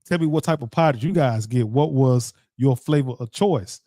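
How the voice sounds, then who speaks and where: A man's voice: mid-range voice, moderate pace, dark tone, dry recording, clean studio sound. A man hosting a radio show, rambling casually and talking straight to his listeners with lots of repeats. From Dallas-Fort Worth area, Texas. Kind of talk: casual solo commentary.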